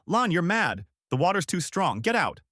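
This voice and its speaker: A man voicing an older village man who yells urgently in a story. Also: medium pitch, big pitch swings, moderate pace, no echo, studio quality. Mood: urgent yelling. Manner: yelling, urgent.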